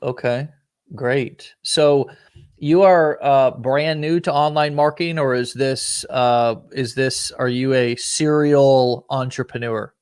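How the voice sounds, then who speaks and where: A man's voice: mid-range voice, steady tone, slow pace, a little mellow, clear, resonant tone, no room sound, studio quality. A man hosting an interview on a call, upbeat and joking, calling his guest "man". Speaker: host.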